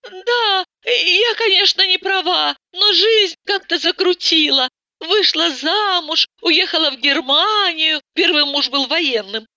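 A woman's voice: very high voice, takes it slowly, pushed and bright, no room sound, voice pushed up, heavily acted. A woman voicing a bored, tearful rich young wife who whines and sighs theatrically about her empty life, in a dull, muffled audiobook recording. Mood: plaintive. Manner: plaintive, sighing, theatrical.

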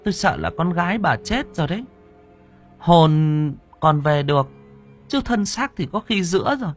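A man voicing a stern female spirit medium in a village, speaking in a solemn, measured way. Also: fairly high pitch, animated, soft background music, pitched above the performer's own voice. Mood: grave.

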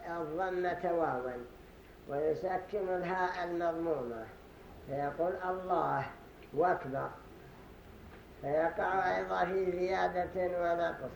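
Male sheikh, high voice, deliberate teaching of a religious lesson, roomy echoing mosque hall. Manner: deliberate explaining, repeats phrases to show pronunciation. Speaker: sheikh teaching a study circle. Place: study gathering in a mosque hall. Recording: roomy echo with faint hiss.

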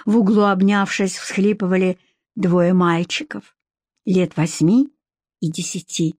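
A woman narrating an audiobook with an even, measured read. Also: on the low side, no echo, clean studio sound. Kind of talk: scripted narration.

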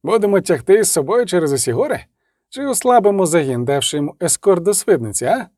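A man's voice: high voice, very animated, quick pace, mellow, dry recording, clean studio sound. A man voicing a pushy mercenary who keeps needling with persistent questions.

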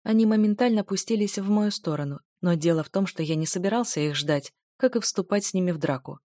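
A woman narrating a first-person fantasy audiobook in a steady, even storytelling voice. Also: medium pitch, quick pace, no echo, clean studio sound.

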